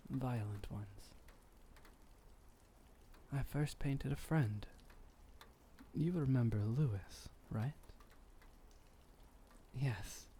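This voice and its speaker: In intimate ASMR roleplay, a man plays a gentle, refined vampire boyfriend who is centuries old, speaking softly and soothingly in formal wording. His voice is mid-range, with a little hiss or hum.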